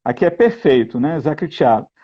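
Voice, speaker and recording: A man explaining grammar and translation in a lesson, slow and explanatory, often checking in with "né?". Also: a little high, very animated, muffled recording. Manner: slow, explanatory, keeps asking "né?". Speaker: guest reading and translating a text.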